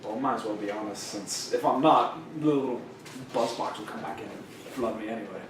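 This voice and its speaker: A man's voice: on the low side, fairly quick. A man playing a tabletop role-playing game, speaking in a theatrical way. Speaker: player. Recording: echoey room, from far off, noisy.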